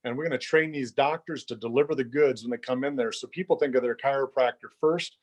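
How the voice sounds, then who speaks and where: A middle-aged man, a chiropractor guest, explaining things in a steady, matter-of-fact way during a casual interview. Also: mid-range voice, quick pace.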